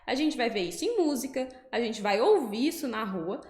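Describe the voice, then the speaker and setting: A Brazilian Portuguese-speaking woman teaching French pronunciation, slowing down to spell out syllables. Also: on the high side, animated, a little mellow, echoey room. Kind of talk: pronunciation lesson.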